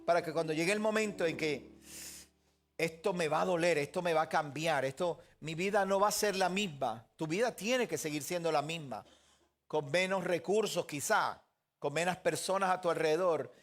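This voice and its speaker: A pastor giving a sermon in an earnest way, often putting questions straight to the listeners. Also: male voice, on the high side, moderate pace.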